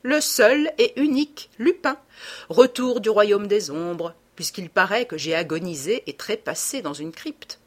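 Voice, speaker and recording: A woman reading an audiobook voices a young male gentleman thief, playful and ironic, with a husky, theatrical delivery. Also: fairly high pitch, sing-song, a little slow, heavily acted. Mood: gleeful. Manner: mocking, gleeful, theatrical.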